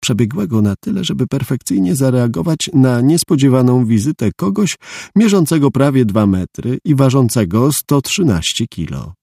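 A man's voice: medium pitch, animated, normal speed, creaky, dark tone, breathy edge, no echo. A man narrating an audiobook in a dry, matter-of-fact storytelling manner. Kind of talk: scripted narration.

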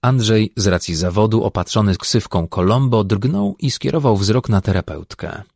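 A man reading an audiobook with a wry storytelling manner. His low voice is slightly husky but moves with lively intonation, and the recording is dry and close. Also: moderate pace, no echo. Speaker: narrator. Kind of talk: audiobook narration.

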